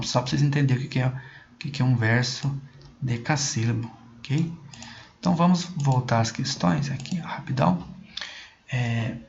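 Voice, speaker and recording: A man's voice: mid-range voice, gravelly. A male teacher explaining a poem in an online class, in a chatty way that often checks in with the students and repeats words while he thinks. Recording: dull lo-fi recording with faint noise.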